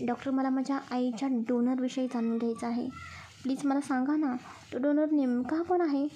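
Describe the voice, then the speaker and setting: A woman voicing a calm, caring young woman who speaks gently and patiently. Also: high voice, moderate pace, a little hiss or hum, lightly acted.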